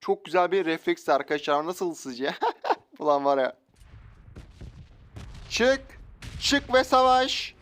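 An excitable young gaming YouTuber provides commentary while playing a shooter, joking around with slang and loud outbursts. His voice is fairly high-pitched, yet his pace is slow with frequent pauses. Faint game sounds and gunfire play in the background.

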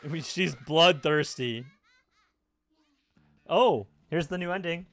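A young man casually reacting to and discussing an anime episode at home, laughing often and breaking into loud exclamations. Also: fairly high pitch, slow. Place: home room with a red-walled display shelf, indoors.

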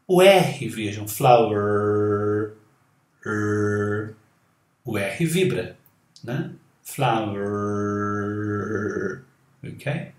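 A Brazilian man who speaks Portuguese natively, teaching English grammar and slowly repeating each example word. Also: mid-range voice, echoey room. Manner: models words slowly and repeats them. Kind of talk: slow, deliberate grammar lesson.

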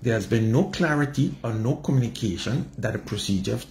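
This Caribbean-accented host has a mid-range, darkish voice, animated and brisk, in an echoey room. He runs an unscripted sports radio interview from a small indoor studio with faint background noise, pushing his questions and rewording and repeating them.

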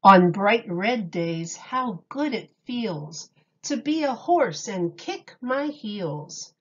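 Slow-paced woman reading to young children. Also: mid-range voice, expressive, muffled recording. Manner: slow, deliberate, dramatic emphasis on key words. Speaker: teacher reading a picture book aloud. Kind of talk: expressive children's read-aloud.

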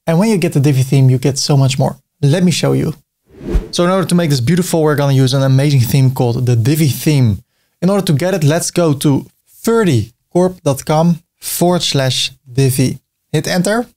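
A middle-aged man from the Netherlands, speaking with a Dutch accent as a native Dutch speaker, hosts a screen-recorded tutorial on making websites. His voice is a little high and a little mellow at normal speed, and he stays friendly and chatty, cracking small jokes while clicking through.

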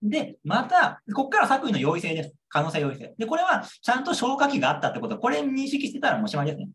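Very animated, fast-talking male lecturer. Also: very high-pitched. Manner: repeats key points, checks understanding with rhetorical questions. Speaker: law exam lecturer. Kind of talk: lecture, explaining a model answer.

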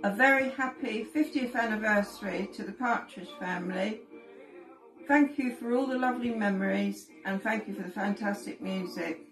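A woman giving a polite, warm fan greeting from a room at home. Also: mid-range voice, moderate pace, echoey room, music in the background, poor audio. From England.

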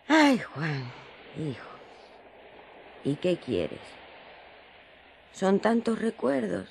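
An actress playing Mary, the elderly mother of Jesus, who talks in a homely, gently teasing way in a radio drama. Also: medium pitch, big pitch swings, drawn-out words, gravelly, slight background noise, full character voice. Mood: nostalgic, affectionate. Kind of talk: radio drama acting in colloquial Spanish.

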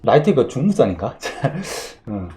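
A man playing a game on camera, narrating in a hammy, mock-pompous way with sudden shouted outbursts. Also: mid-range voice, sing-song, normal speed. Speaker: gaming YouTuber. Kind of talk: comedic game commentary.

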